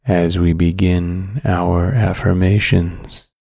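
A man narrating a guided sleep story in a calm, soothing, measured way, with long pauses between phrases. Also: low-pitched, vocal fry, husky, dry recording, clean studio sound.

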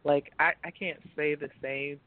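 A man's voice: a little high, level tone, a little slow. A man hosting a casual conversation who laughs easily and asks questions. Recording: dry, tinny phone-like audio.

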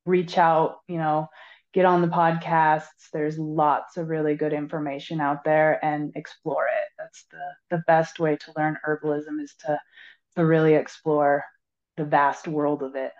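A woman's voice: sits low, little pitch movement, a little slow, a little mellow. Earnest woman herbalist on dull lo-fi audio. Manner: earnest, advisory, repeats words. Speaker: herbalist guest. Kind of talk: casual podcast interview.

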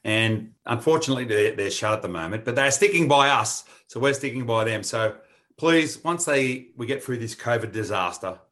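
A man's voice: lowish voice, a little fast, hardly any pauses, fairly bright tone. A man with an Australian accent co-hosting a podcast, chatting and reading sponsor plugs in a casual, matey way. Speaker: podcast co-host. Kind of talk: casual presenting and sponsor reads.

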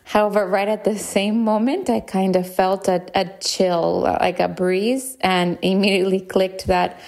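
A woman's voice: medium pitch, little pitch movement, unhurried, gravelly, darkish tone. A mother telling an amused story about answering the door. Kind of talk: recorded anecdote.

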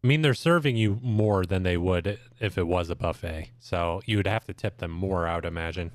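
A man's voice: deep voice, a little fast, dry recording, clean studio sound. A man co-hosting a podcast, joking in casual chat with short interjections. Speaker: podcast co-host.

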